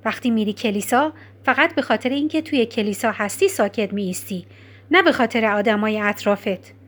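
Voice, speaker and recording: A woman voicing a calm, firm older librarian in an audiobook, speaking quietly and in a measured, gently stern way. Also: fairly high pitch. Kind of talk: audiobook character reading.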